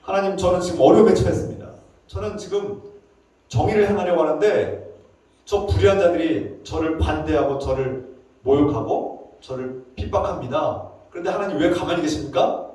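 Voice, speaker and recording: An indignant male prophet hurls pleading, accusing questions heavenward, as a preacher acts him out. His voice sits high and strained above the usual, and it booms around a large, echoey church sanctuary. The mic is set well back from him. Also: normal speed, a little mellow, far from the mic, close to an everyday voice.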